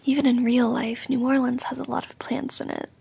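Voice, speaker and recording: A woman doing an ASMR role-play as an affectionate, sleepy girlfriend, speaking softly, drowsily and intimately in a breathy soft voice with creaky edges. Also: high-pitched, level tone, brisk, slight background noise. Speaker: roleplay audio performer playing a sleepy girlfriend.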